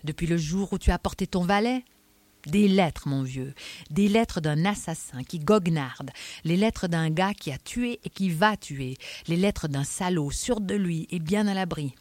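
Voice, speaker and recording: A woman reading aloud, voicing an irritable male police inspector who speaks in a forceful, emphatic, scolding way. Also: lowish voice, lively intonation, a little slow, dry recording. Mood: insistent.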